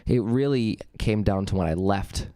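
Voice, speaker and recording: A young man hosts his own podcast solo, talking casually and rambling loosely with lots of ums and false starts. His low, smooth, mellow voice is slightly gravelly from a cold, and he speaks at a normal speed. Captured on a studio vocal mic, the sound is close and dry with no echo.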